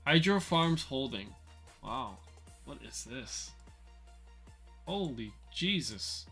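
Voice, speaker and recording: A man's voice: mid-range voice, big pitch swings, takes it slowly, a bit bright, husky, soft background music. A man hosting a casual trading livestream, chatting loosely and answering viewers with fillers and repeated words. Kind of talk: casual livestream market commentary.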